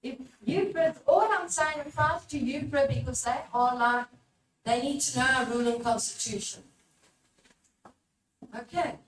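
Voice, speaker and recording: A religious formator with a high voice presents a workshop to a live audience, speaking unhurriedly with long pauses as she exhorts and questions her listeners. She's captured by a distant mic in an echoey room with background noise.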